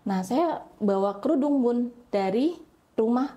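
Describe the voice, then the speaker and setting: A woman's voice: a little high, lively intonation, measured pace, warm tone. A young adult woman chatting casually while telling her personal story, filling her talk with small tags. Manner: chatty, many fillers like "gitu". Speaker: convert sharing her story.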